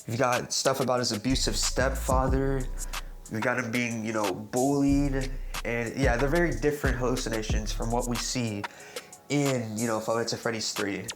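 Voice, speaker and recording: With music in the background, a young man discusses a game theory on YouTube in a casual, unscripted ramble, frequently stuttering, starting sentences over, and repeatedly asking "right?". He speaks in a mid-range voice with a steady tone at a moderate pace.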